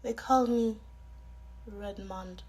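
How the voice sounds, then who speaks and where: A woman's voice: mid-range voice, steady tone, slow pace, a little mellow, husky. A woman voicing a brave young girl who wants to be a knight, speaking firmly and earnestly in a told fairy tale. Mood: defiant.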